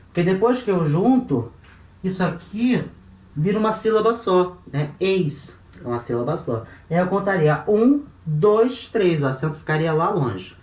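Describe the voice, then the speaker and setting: Brazilian male teacher, somewhat high voice, patient and methodical, echoey room, mic at a distance. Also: animated, unhurried, darkish tone. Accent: Brazilian Portuguese. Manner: patient, step-by-step, counting syllables aloud. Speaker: Ancient Greek teacher. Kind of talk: explaining grammar on a board. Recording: roomy echo, voice off-mic.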